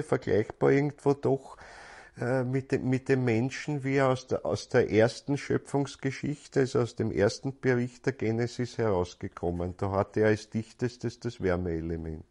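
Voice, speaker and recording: A man's voice: mid-range voice, moderate pace, darkish tone. A man gives a spiritual lecture in a thoughtful, searching way, often repeating words as he goes.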